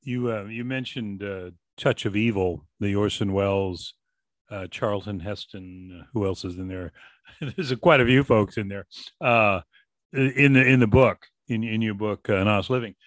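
A man from Boston hosting an interview, asking long, halting questions full of restarts. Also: on the low side, a bit bright, no echo. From Boston, USA. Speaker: radio host.

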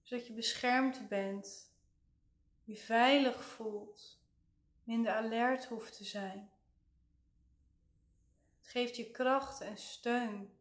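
A woman leading a guided relaxation meditation in a soothing, gentle way, leaving long pauses. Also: on the high side, fairly even intonation. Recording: roomy, echoing voice recording.

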